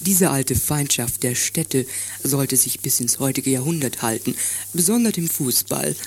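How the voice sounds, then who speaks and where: Man, medium pitch, ironic scripted comedy narration, dry humour, noisy background. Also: lively intonation, unhurried, darkish tone.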